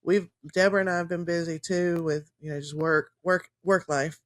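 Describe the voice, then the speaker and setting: A woman's voice: on the low side, steady tone, normal speed. A woman co-hosting a casual podcast from home in her morning voice, chatty and laughing often, with fillers, over a video call. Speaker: podcast co-host. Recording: level drops in and out.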